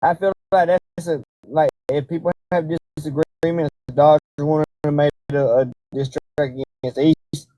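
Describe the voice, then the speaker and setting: A man's voice: a little high, steady tone, moderate pace, few pauses, mellow, no echo, highs cut off. A man hosting a casual livestream, talking in a laid-back, slangy way as he directs his chat. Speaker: livestream host.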